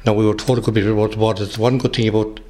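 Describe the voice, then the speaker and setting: Older man, low west of Ireland accent. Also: little pitch movement, dark tone. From Galway, west of Ireland. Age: 60s. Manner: halting, hesitant delivery with repeated words. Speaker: interviewee, retired police officer. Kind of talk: recollection in an interview.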